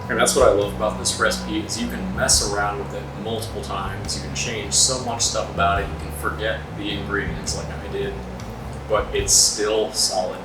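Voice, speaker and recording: A man's voice: lowish voice, flat delivery, normal speed, distant mic, heavy background noise. A man chatting casually as a cooking vlogger, rambling and self-deprecating. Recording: roomy echo, off-mic, music behind.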